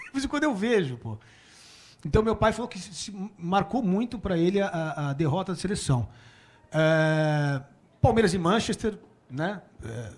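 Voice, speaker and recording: Brazilian man in his forties, high and very lively voice, chatty talk-show guest telling stories. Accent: Brazilian Portuguese. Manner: animated, laughs often, quotes his father. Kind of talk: casual storytelling. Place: small room before a small audience.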